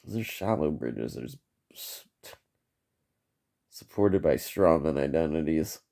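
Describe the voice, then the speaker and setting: A man's voice: rumbling low, lively intonation, slow, vocal fry, mellow. A man giving a rambling, profane solo vlog monologue, trailing off on tangents and tagging "man" onto his sentences. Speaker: vlogger.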